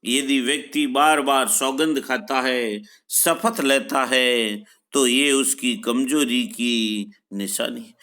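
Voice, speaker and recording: A man lecturing on a poem, reading each verse and then paraphrasing it slowly and repetitively. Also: medium pitch, pushed and bright. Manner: slow, deliberate explanations with frequent repetition. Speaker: college lecturer. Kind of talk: literature lecture explaining a poem line by line.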